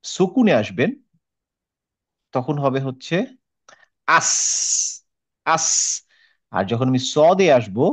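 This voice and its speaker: A man's voice: medium pitch, big pitch swings, a little slow, pauses often, a little mellow, slightly rough. A man teaching an online Quran reading class, patiently demonstrating how each letter is pronounced by repeating it.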